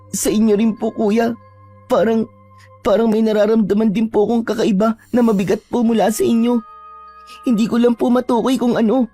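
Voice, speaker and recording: A young aswang in hiding, polite and frightened, pleading in an even, flat tone, as a woman acts it out. Her voice is dark and mellow, and faint music plays beneath the horror-story telling. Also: medium pitch, slightly rough, lightly acted. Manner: respectful, earnest, soft-spoken pleading.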